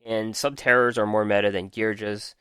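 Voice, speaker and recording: A man's voice: lowish voice, level tone, moderate pace, fairly bright tone, clean tone, no room sound, studio quality. A man hosting a podcast, methodically reading out card text and reviewing it with frequent ums while losing his voice. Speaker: podcast host. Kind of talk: casual card game review.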